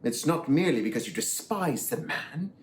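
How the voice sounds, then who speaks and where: A man playing a sharp Victorian detective who questions people in a crisp, pointed manner. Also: fairly high pitch, expressive, normal speed, slight background noise, natural voice. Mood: probing. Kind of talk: amateur online musical reading.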